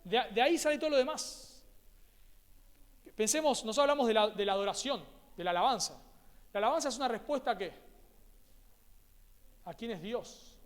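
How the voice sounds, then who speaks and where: A man's voice: extremely high pitch, lively intonation, fairly quick, pauses often. A man with an Argentine accent preaching a sermon as pastor, emphatic and repeating his key words. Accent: Rioplatense Spanish. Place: church hall. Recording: echoey church hall.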